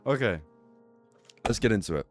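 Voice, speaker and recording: Relaxed man running a tabletop game. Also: on the low side, normal speed, soft background music. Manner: laid-back, laughs often, swears casually. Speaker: dungeon master. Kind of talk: casual chat before a tabletop game. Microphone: headset.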